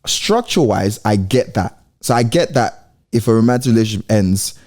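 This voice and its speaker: A man's voice: on the low side, lively intonation, moderate pace, a little mellow. A young man, chatting casually as a podcast co-host and telling a story in a rambling way. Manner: rambling, storytelling with quoted voices. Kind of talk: casual chat.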